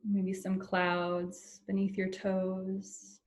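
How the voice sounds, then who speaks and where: Leading a meditation, a woman's mid-range voice stays monotone and a little mellow. Her delivery is soothing and slow, with long gaps between phrases.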